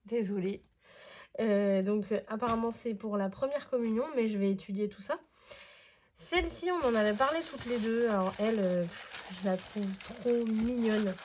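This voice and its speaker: Lady gushing over craft paper, kinda high voice, lots of paper crinkle noise behind. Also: normal speed, darkish tone. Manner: chatty and enthusiastic, many fillers. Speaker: scrapbooking vlogger. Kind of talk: casual unboxing chat. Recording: noisy room with paper crinkling.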